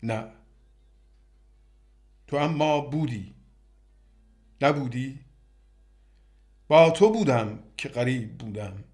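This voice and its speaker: A man's voice: mid-range voice, animated, pauses often, a little mellow. A man reciting a poetic dialogue with himself, trading short, brooding questions and answers.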